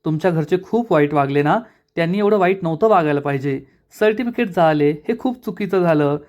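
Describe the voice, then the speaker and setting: A man's voice: fairly high pitch, animated, fairly quick, a little mellow, lightly acted. A man voicing a blunt young brother-in-law who speaks plainly. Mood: sympathetic.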